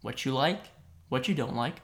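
A man's voice: mid-range voice, lively intonation, normal speed. A man hosting a podcast, asking probing questions in a friendly, easy manner. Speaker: podcast host. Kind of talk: interviewing.

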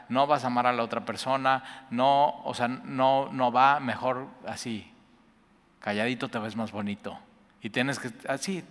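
A man preaching an earnest sermon, repeating words and rising in pitch to stress his points. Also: fairly bright tone. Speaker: pastor. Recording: long hall reverb.

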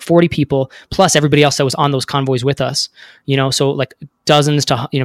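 A man's voice: medium pitch, no echo, studio quality. A man in his thirties telling his story as a podcast guest, rambling with many fillers. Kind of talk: casual interview talk.

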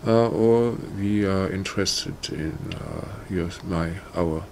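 A man introducing a guided meditation in a casual, halting way, full of "you know" and "uh". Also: sits low, a little mellow, slight background noise. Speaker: meditation teacher. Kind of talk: casual spoken talk.

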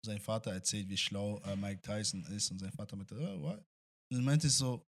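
A man's voice: fairly low pitch, brisk, fairly bright tone. A man with a French accent, hosting a podcast, talking reflectively and casually with frequent "you know" fillers. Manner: reflective, many fillers like "weißt du". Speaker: podcast host. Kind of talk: casual chat.

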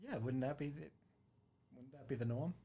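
A man's voice: mid-range voice, normal speed, mellow, husky. A man co-hosting a casual podcast, laughing a lot and reacting bluntly with swearing. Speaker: podcast co-host. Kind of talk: casual chat.

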